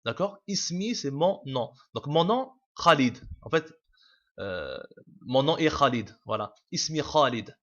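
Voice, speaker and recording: Speaking in a slightly high, animated, unhurried voice with some brightness, a man teaches Arabic in a casual video lesson. He's patient yet full of fillers, false starts and repeats, all captured in a dull, lo-fi home recording.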